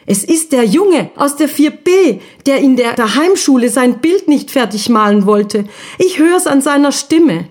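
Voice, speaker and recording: An eager little school ghost boy, voiced by a woman reading a storybook aloud calls out in a high, urgent voice. His lines come quick and bright above the slow narration. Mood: excited, urgent.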